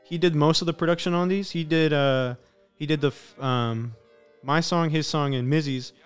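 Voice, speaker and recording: Speaking at an ordinary pace in a smooth, fairly high voice, a young rapper from Sacramento chats casually on a podcast. He's laid-back and keeps saying "you know," and there's music in the background.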